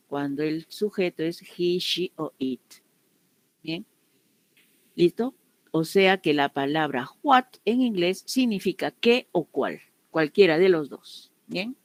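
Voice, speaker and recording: A woman's voice: on the low side, dry recording. A woman English teacher explaining grammar to her students, patiently repeating each example and often checking that they have understood. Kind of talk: online class explanation.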